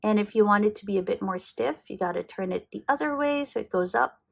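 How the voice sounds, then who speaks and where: A woman's voice: mid-range voice, animated, a little fast, vocal fry. A middle-aged woman with a Filipino accent, chatting enthusiastically as she shows off her fountain pen collection, often correcting herself. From Philippines. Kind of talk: casual show-and-tell.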